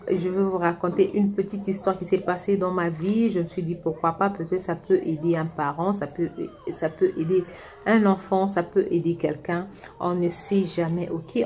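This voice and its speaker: Woman from congo, middle-aged, low voice, chatty storytime vlog, restarts sentences, faint noise behind. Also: steady tone, moderate pace, darkish tone. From Congo (Kinshasa). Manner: chatty, with many restarts and asides to viewers. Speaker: vlogger. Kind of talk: casual storytime monologue.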